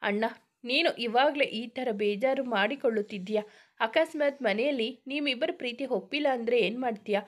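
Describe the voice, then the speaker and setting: A woman's voice: a little high, a little fast, lightly acted. A woman voicing a cheeky, playful young woman who teases her elder brother. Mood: coaxing. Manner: playful and mischievous.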